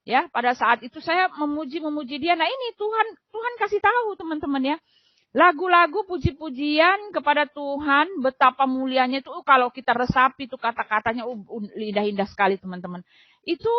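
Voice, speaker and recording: Middle-aged woman, high voice, earnest emotional testimony with casual fillers; dull, dry lo-fi recording. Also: no echo. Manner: earnest and emotional, addressing friends with frequent fillers. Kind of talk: personal faith testimony.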